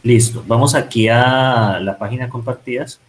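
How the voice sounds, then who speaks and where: A man's voice: medium pitch, fairly even intonation, moderate pace, poor audio. A man teaching programming, thinking aloud and correcting himself as he types code in a screen-recorded lesson. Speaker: programming instructor. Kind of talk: live-coding tutorial.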